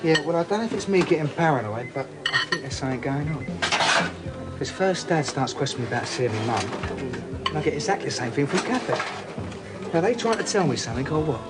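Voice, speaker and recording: A man's voice: a little high, expressive, fast, natural voice. An actor playing a suspicious young man in a British TV soap. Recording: TV soundtrack with loud music.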